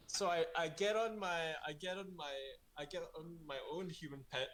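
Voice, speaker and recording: A man's voice: on the high side, moderate pace, a bit bright, a little hiss or hum, rough recording. A man playing a tabletop game, hesitant and restarting often as he plans his moves. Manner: hesitant, full of restarts while planning moves. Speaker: player. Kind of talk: tabletop role-play chat.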